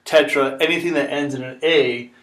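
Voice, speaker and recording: A man's voice: medium pitch, fairly even intonation, normal speed, fairly bright tone. Guy teaching chem, patient, says okay a lot, roomy echo, kinda far from the mic. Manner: patient, repeats steps, checks in with "okay?". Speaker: chemistry teacher. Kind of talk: classroom lesson explanation. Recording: echoey room, mic far off.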